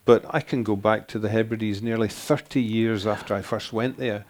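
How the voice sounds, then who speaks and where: Thoughtful older man, lowish voice. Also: steady tone, a little mellow. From Scotland. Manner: thoughtful, halting restarts. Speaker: author guest. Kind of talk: interview answers.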